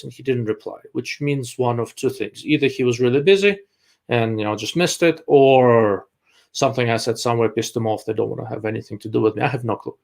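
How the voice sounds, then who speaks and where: A man with a gravelly, medium-pitched voice hosts a casual live stream, reading out viewer chat questions and answering them bluntly. He thinks aloud as he goes, hesitating often.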